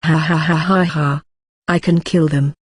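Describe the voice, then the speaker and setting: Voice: mid-range voice, fairly even intonation, a little slow, slightly rough, no echo. A synthetic voice reading a maddened young prince. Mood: unhinged. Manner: muttering, repetitive. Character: young crown prince driven mad.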